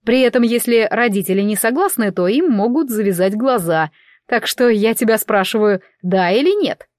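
A woman voicing an excitable, bossy male elf priest, exclaiming and lecturing in an audiobook reading. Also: on the high side, moderate pace, dry recording, clean studio sound, close to an everyday voice.

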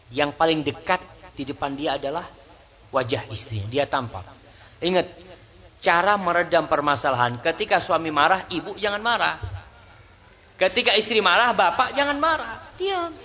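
A man giving a conversational sermon as a preacher, his voice jumping high for emphasis. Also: fairly bright tone. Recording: slightly dull lo-fi sound.

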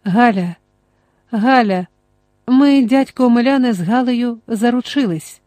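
A woman's voice: on the high side, a little slow, mellow, no room sound, lightly acted. A woman reading the lines of a young male Cossack captain, eager and breathless.

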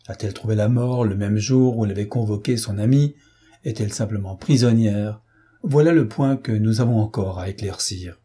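Cool logical detective, read by a man, grave and insistent, dark husky voice. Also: medium pitch, natural voice. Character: sharp, coolly logical male detective.

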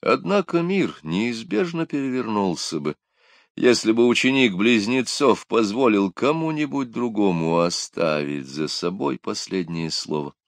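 A man narrating a story in a measured, expressive storytelling manner. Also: fairly low pitch, vocal fry, dry recording. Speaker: audiobook narrator. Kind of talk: scripted narration.

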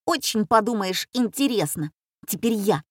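A woman reading aloud, voicing an excitable schoolboy who keeps blurting out and interrupting. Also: mid-range voice, normal speed, husky, dry recording, studio quality. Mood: impatient. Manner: impatient, blurting.

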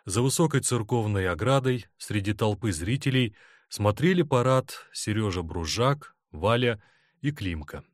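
Male audiobook reader, low voice, animated delivery, dry booth. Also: measured pace, no echo. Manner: expressive, dramatic reading. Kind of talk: scripted narration.

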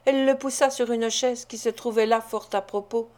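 Female audiobook narrator, slightly high, measured expressive reading of a classic. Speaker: audiobook reader. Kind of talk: scripted narration of a classic novel.

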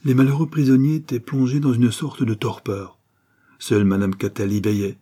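Husky, dark-voiced male audiobook narrator. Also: medium pitch, moderate pace. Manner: steady storytelling with lifted voice in dialogue. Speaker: audiobook reader.

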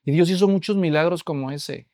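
Man, pastor, sermon, storytelling, fairly high pitch, dry recording. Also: a little fast, dark tone, no room sound. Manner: storytelling, addressing the congregation.

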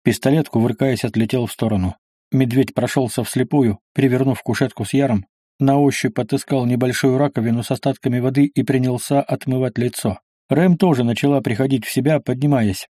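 Man reading an action audiobook, dark dry tone. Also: mid-range voice, fairly even intonation, brisk, dry recording. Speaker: narrator. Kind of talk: audiobook narration.

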